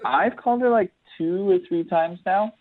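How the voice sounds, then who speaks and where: This radio caller speaks through a telephone, the sound dry, thin, and narrow. His voice sits high and moves at a moderate pace as he tells his story casually, a bit hesitant but good-natured.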